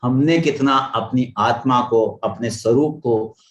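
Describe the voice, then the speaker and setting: A man's voice: medium pitch, slow, lo-fi sound. A man in his sixties from India giving a spiritual discourse, telling parables and acting out their dialogue with emphatic repetitions. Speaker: spiritual speaker. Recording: echoey room.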